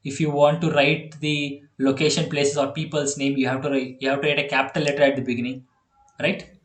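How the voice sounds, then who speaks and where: A man with an Indian English accent tutoring a child in programming on a video call, chatty and quick to laugh. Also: medium pitch, level tone, roomy sound. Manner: chatty, laughs often, repeats okay and yeah. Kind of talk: online one-on-one coding lesson.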